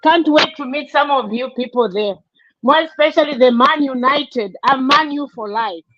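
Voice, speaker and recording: A woman's voice: high-pitched, moderate pace, fairly bright tone, dry recording, lo-fi sound. A woman from Zambia joining a podcast as a guest, friendly and cheerful.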